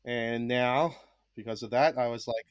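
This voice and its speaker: An Australian man chats as a podcast guest. He tells stories in a lively way, full of fillers and little asides. His voice is mid-pitched and recorded dry and close. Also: unhurried, clear, resonant tone, dry recording, lo-fi sound. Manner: chatty, animated, many fillers and asides. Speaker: guest, high school English teacher. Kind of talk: casual interview storytelling.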